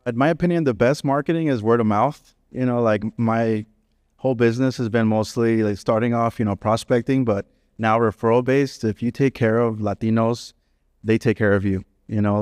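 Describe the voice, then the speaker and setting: A young man shares his view on a panel, earnest and loose, with plenty of "you know". His voice is clear and resonant, with a dry, close sound. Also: mid-range voice, steady tone, fairly quick, a little mellow, no echo. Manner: earnest, conversational, many fillers like "you know". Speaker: real estate agent on a panel. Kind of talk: panel discussion.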